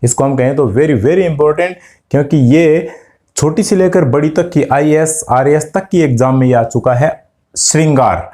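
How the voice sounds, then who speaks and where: Man as a grammar tutor with a warm, mellow tone, patiently walking students through corrections. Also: fairly high pitch, unhurried. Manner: explains step by step, asks students questions; addresses students directly. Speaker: Hindi grammar teacher. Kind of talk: exam-prep lesson.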